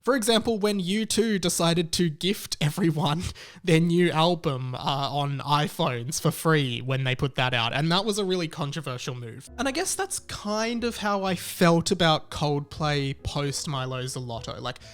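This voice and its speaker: A man hosts a show and gives a casual, opinionated album review, talking conversationally with wry amusement while music plays under his voice. His voice is a little high, with lively intonation and an unhurried pace.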